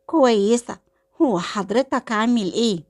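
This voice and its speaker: A woman voicing a scheming young wife with an Egyptian accent, sharp and indignant. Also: fairly high pitch, normal speed, natural voice. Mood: curt. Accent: Egyptian Arabic.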